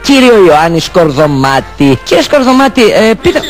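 A man's voice: high voice, big pitch swings, faint music behind. A man voicing a pompous TV news reporter in a comedy sketch. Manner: announcer-like, pompous.

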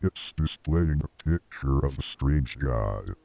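Super deep gravelly horror game dude, slow and dark, kinda muffled. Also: male voice, animated, a little hiss or hum, full character voice. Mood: flat.

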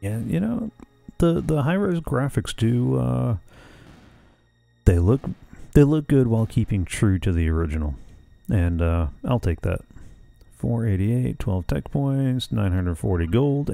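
A middle-aged man with a dark, creaky voice talks through a video game at his desk. He is wry and half muttering, and his pitch moves around a good deal as he comments and reads out text. Game music plays behind him. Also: no echo. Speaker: gamer and host of a playthrough series. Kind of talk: casual game commentary, reading text aloud. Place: small indoor room. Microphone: desk microphone close to the mouth.

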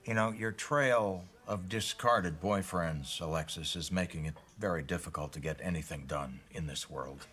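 An actor playing a formal, fussy older father who speaks deliberately in a sitcom. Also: low voice. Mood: measured. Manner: deliberate and formal, building to exasperated yelling. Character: fussy, exasperated middle-aged father and businessman. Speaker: father, would-be milk seller. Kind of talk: sitcom acting.

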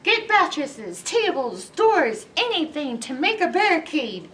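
A woman reader plays an alarmed villager in a children's folktale. The voice is urgent and exclaiming, pitched high, and slightly away from the mic. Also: sing-song, measured pace, a bit bright, recorded from a distance, full character voice. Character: alarmed townsfolk, nun and mayor in a folktale.

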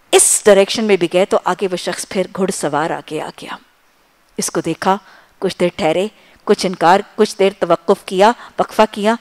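Impassioned woman preaching in short bursts. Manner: impassioned, rhythmic lists of short phrases; swings between loud emphasis and soft low asides. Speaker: Islamic preacher. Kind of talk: sermon.

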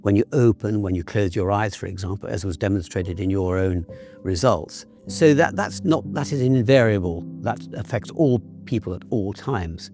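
A male physician explaining a brain test in an interview, measured and technical, with frequent restarts. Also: lowish voice, mellow. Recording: music playing underneath.

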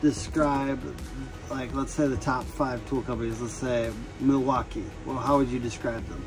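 A man's voice: mid-range voice, fairly even intonation, moderate pace, over music, poor audio. A man interviewing a plumber off camera, asking casual questions in an easygoing, joking way. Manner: easygoing, joking, calls him "bro".

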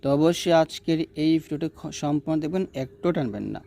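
A man teaching a prayer letter by letter, chanting each phrase slowly and stretching the sounds, then explaining pronunciation in quick asides. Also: on the high side, lively intonation, gravelly, mellow. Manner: slow, drawn-out chanting of the prayer, with quick spoken explanations between. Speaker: Quran recitation teacher. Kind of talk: spelled-out recitation lesson.

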